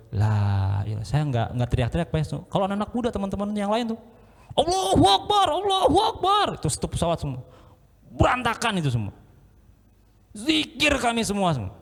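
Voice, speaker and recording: A man delivers a lively sermon, slipping into acted-out stories and chanted prayers. His voice sits a little high, and it rings through a large hall with a long reverb. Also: brisk, gravelly. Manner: animated storyteller, acts out scenes and chants. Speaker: preacher. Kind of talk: lively Islamic sermon with jokes.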